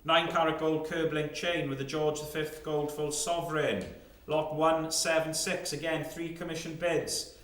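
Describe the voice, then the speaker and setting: A man's voice: fairly high pitch, level tone, unhurried, a bit bright. A man working as a fine art auctioneer, calling lots and repeating bid figures in clipped, rolling phrases. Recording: roomy, echoing sound.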